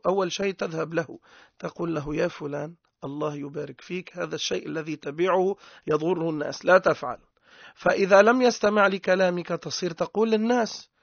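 A man's voice: sits high, vocal fry, no echo. A Tunisian man teaching a religious lesson in an emphatic way, mixing dialect with formal speech and drawing out words to show mistakes. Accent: Tunisian Arabic. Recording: dull lo-fi dry recording.

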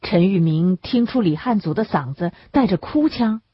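A woman narrating an audiobook in a measured, even storytelling manner, recorded close on the mic. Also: mid-range voice, breathy edge, dry recording. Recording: dull lo-fi recording.

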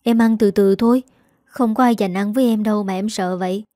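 A woman voicing a kind young mistress speaking gently and soothingly, in a spoken story. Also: medium pitch, fairly even intonation, brisk, no room sound, lightly acted. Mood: gentle.

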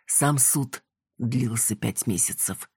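Male audiobook narrator, husky tone, dry close sound, measured delivery. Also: mid-range voice, darkish tone, no echo. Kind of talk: scripted first-person audiobook narration.

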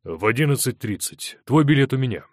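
A man's voice: medium pitch, lively intonation, fairly quick, no room sound, clean studio sound, voice pushed up, lightly acted. A man doing a grumpy businessman brother. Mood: irritable. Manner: grumbling, curt. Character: irritable middle-aged businessman brother.

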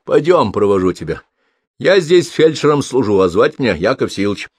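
A man's voice: mid-range voice, big pitch swings, normal speed, husky, dry recording, studio quality, voice pushed up. A man playing a kindly grey-haired medic. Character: grey-haired hospital medic, kind and steady.

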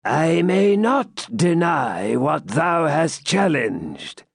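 A man reading aloud and voicing a grave Grand Master who speaks in a solemn, measured way. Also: on the high side, sing-song, gravelly, breathy edge, no room sound, studio quality, pitched above the performer's own voice, exaggerated voice. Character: grave older male Grand Master of an order.

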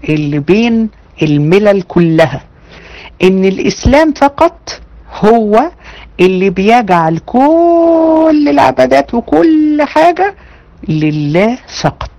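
A woman with an Egyptian Arabic accent gives an online religion lesson to her women students. Her delivery is lively and conversational, full of rhetorical questions to the class. She slows down and leans on the points she wants them to remember. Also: mid-range voice, rough recording. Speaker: religion teacher.

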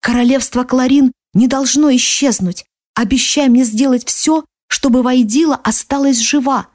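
A woman voicing a feverish, dying female warrior chief who speaks slowly and insistently. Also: sits high, a little mellow, no echo, studio quality, voice pushed up, lightly acted. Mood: urgent pleading.

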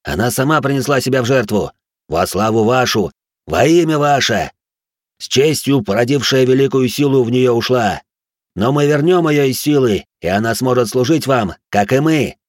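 A man voicing a flattering male demon who speaks slowly and ceremonially. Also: mid-range voice, no room sound, clean studio sound, pitched above the performer's own voice, close to an everyday voice. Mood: reverent. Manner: slow, ceremonial, pledging.

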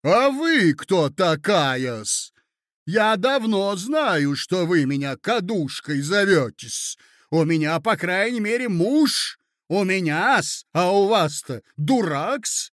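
Shrieking provincial gossip, loud and indignant; male reader voicing. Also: high-pitched, animated, takes it slowly, no room sound, clean studio sound, voice pushed up, heavily acted. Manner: shrieking, indignant, adds a servile '-s' to words. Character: shrill spiteful gossipy provincial lady.

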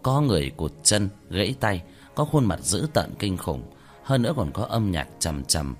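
A man narrating a fantasy story in a steady, expressive reading. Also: low voice, normal speed, faint music behind.

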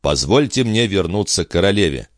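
Male narrator doing a calm doctor, low, soft, reassuring. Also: brisk, no room sound, clean studio sound. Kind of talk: audiobook character voicing.

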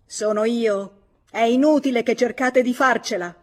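A woman's voice: fairly high pitch, measured pace, a little mellow, voice pushed up. A woman reading aloud, voicing an angry young male journalist catching his wife in an audiobook. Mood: furious. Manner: heated, vehement, clipped.

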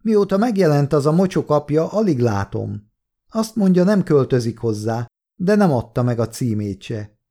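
A man voicing a dying older woman with a smoky, raspy voice who talks bluntly and wearily. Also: a little high, very animated, dark tone, voice pushed up. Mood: gruff, weary. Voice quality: raspy, smoke-roughened. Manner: blunt, weary, coarse talk.

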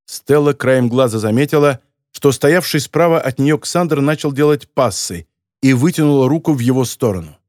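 A man reading a novel aloud as an audiobook narrator, with expressive delivery. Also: medium pitch, moderate pace, no room sound, studio quality. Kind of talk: scripted narration.

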